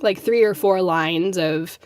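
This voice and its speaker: A woman's voice: on the low side, slow pace, a little mellow, no echo. Rambling woman podcast co-host, dry sound. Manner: rambling, lots of "like" and "um". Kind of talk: casual chat.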